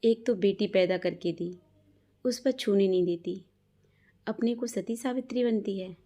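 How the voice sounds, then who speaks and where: A woman's voice: mid-range voice, measured pace, natural voice. A woman voicing a drunk, abusive husband. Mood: drunken rage. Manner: shouting insults and threats.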